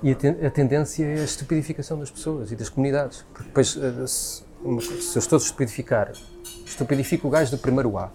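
Sharing opinions in a conversation, a European Portuguese-accented man speaks off the cuff with emphasis and repetition. His medium-pitched voice has a dark tone and a quick pace.

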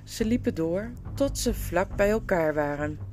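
A woman giving lively, expressive storybook narration for an audiobook. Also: on the low side, unhurried, soft background music.

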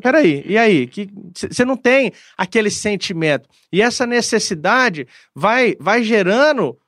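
Man, high-pitched, earnest conversational guest, dry close recording. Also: lively intonation, measured pace, a bit bright, dry recording. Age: adult, father of a daughter. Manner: earnest, reflective, frequent hesitations. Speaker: guest speaking with a pastor. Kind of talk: casual conversational talk.

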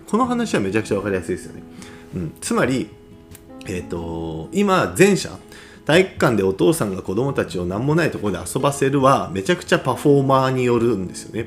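Lively Japanese-speaking man explaining play. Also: medium pitch. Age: adult. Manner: animated, conversational, often seeks agreement. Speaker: play researcher. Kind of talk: casual explanatory talk.

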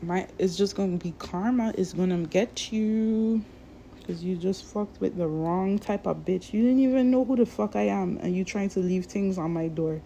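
A woman's voice: mid-range voice, vocal fry, mellow, slight background noise. A woman vlogger talking in a casual, profane, rambling rant to her viewers. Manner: profane, rambling, drawn-out delivery. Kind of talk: casual ranting monologue.

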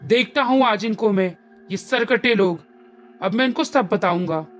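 A woman playing a furious shouting father. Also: high voice, unhurried. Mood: angry shouting. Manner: shouting, scolding, dismissive. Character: furious frustrated father, middle-aged man.

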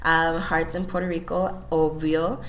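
A woman's voice: low-pitched, level tone, a little slow, fairly bright tone. A woman from Chicago, a guest on a podcast, talking about herself in a friendly, rambling way. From Chicago, United States. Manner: friendly, rambling self-introduction. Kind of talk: casual interview.

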